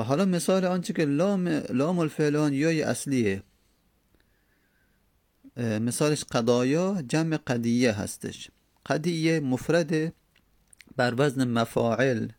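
Brief: male grammar teacher, gravelly, dry close sound, methodical drilling. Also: a little high, darkish tone, no echo. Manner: explains step by step, repeats words slowly to drill them. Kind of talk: classroom lecture on Arabic morphology.

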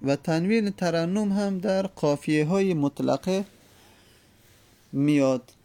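A man's voice: a little high, mellow, dry recording. A male teacher, a native Persian speaker, explaining Arabic grammar step by step, repeating each form with frequent hesitations.

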